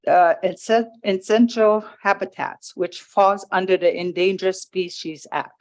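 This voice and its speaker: A woman from Hawaii giving public testimony at a planning hearing, reading a prepared statement into a table microphone and halting over the legal wording. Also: medium pitch, steady tone. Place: county planning commission hearing room.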